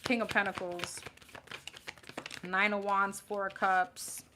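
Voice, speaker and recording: A woman's voice: medium pitch, little pitch movement, slow, pushed and bright. Sassy New York tarot reader woman. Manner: blunt, sassy, laughing and chatty. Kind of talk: live tarot reading. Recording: audible background noise with card shuffling.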